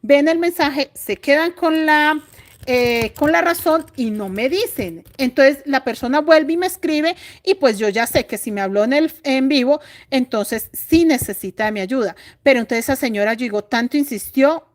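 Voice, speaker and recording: A woman's voice: high-pitched, normal speed. A middle-aged Colombian woman teaching crochet on a live stream, chatty and confiding, thinking aloud as she stitches. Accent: Colombian Spanish. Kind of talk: live-stream craft tutorial.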